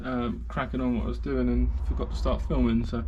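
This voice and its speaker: A man's voice: medium pitch, level tone, fairly quick, warm tone, muffled recording, a little hiss or hum. A man with a British English accent narrating a casual workshop vlog while building a race car, chatty and rambling with lots of fillers, a little out of breath from the heat. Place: hot garage workshop.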